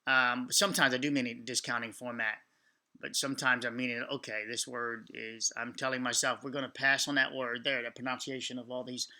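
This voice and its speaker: Male reaction host, mid-pitched and very sharp-toned, explaining off the cuff, halting. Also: level tone.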